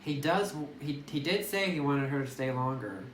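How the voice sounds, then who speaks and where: A medium-pitched man plays a game at a moderate pace, thinking aloud with casual, reflective commentary and reading dialogue aloud as narrator. A phone microphone some distance away captures him, making the sound roomy and noisy.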